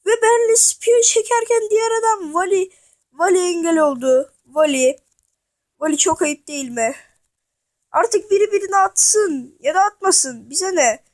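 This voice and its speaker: A woman giving playful, excitable mock sports commentary over a wrestling video game, joking and talking to the characters. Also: extremely high pitch. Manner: loud and animated.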